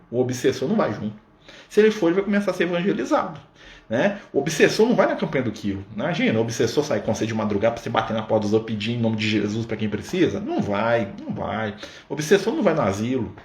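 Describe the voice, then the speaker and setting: Fast-talking man in an echoey room. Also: medium pitch, big pitch swings, darkish tone. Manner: conversational, full of "né?" and "tá?" asides. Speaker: Spiritist study leader. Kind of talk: casual teaching talk on a live stream. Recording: roomy sound with faint background noise.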